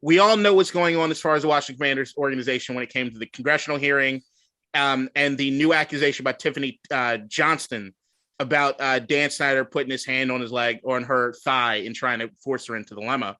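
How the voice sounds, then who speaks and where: Bright-voiced man on a sports podcast. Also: medium pitch, fast, dry recording, low-quality recording. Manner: laughs a lot, profane, animated. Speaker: podcast co-host. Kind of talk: casual sports chat.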